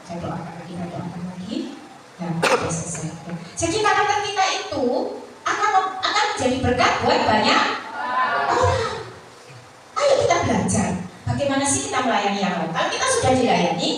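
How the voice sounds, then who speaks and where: A woman preacher, giving a Sabbath sermon and telling her own story in an animated way, acting out the people she quotes. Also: fairly high pitch, brisk. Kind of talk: Sabbath sermon with personal testimony. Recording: echoey hall, voice from far off, ambient noise.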